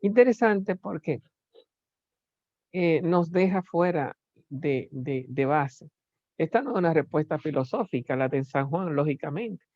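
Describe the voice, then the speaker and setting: A lecturer teaching a class at an unhurried, deliberate pace, often stopping to search for the next word. The delivery leans on rhetorical questions. The recording is dull and lo-fi, with a dry, close sound. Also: mid-range voice, animated, no room sound.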